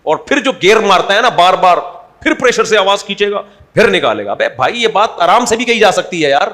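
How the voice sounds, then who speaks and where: A man's voice: high voice, lively intonation, pushed and bright. A man preaching an Islamic sermon in a conversational, humorous way, asking the audience rhetorical questions. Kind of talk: Urdu sermon.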